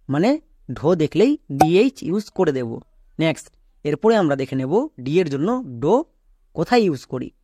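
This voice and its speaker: A man's voice: a little high, dark tone, dry recording, studio quality. A man teaching English pronunciation, spelling words letter by letter and answering his own questions. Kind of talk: spelling-out phonics lesson.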